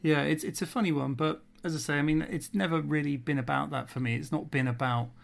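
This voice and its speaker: A man's voice: on the high side, fairly even intonation, quick pace, gravelly. A man, a podcast host chatting casually and rambling, laughing often as he talks.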